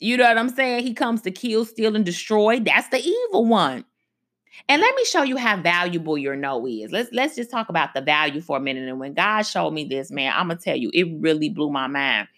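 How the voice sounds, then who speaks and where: A woman hosting a faith-based radio talk, preaching conversationally and slowing down for emphasis. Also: on the low side, very animated, fairly bright tone. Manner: conversational preaching, slows down for emphasis, frequent asides. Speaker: radio show host.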